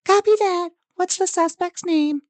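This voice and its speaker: A woman voicing a calm female police dispatcher answering over the police radio in a clipped, drawn-out reply. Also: very high voice, no room sound, voice pushed up. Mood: businesslike.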